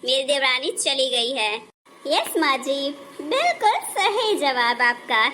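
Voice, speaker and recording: A carefree, modern young daughter-in-law from a cartoon, voiced by a woman. Her voice is high and bright. She chats breezily and slips English words into her speech. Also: very animated, takes it slowly, a little hiss or hum, exaggerated voice. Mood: breezy. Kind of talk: Hindi cartoon dubbing.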